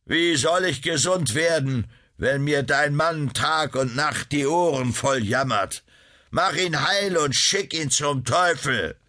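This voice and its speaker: A man's voice: medium pitch, sing-song, measured pace, pushed and bright, pitched above the performer's own voice, heavily acted. A man voicing a cunning sultan who fakes a dying slave's hollow, sing-song voice in an audiobook. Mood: wheedling.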